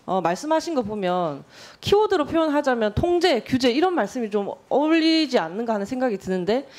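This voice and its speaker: A woman in her thirties, a lawmaker, questioning a nominee in a formal hearing room in a measured, pointed and direct way. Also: fairly high pitch, sing-song, a little mellow. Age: 30s.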